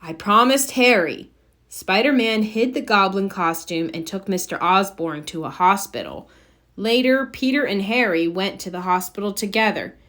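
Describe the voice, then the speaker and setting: Reading aloud from a children's storybook, a medium-pitched female narrator delivers the text with deliberate, expressive phrasing.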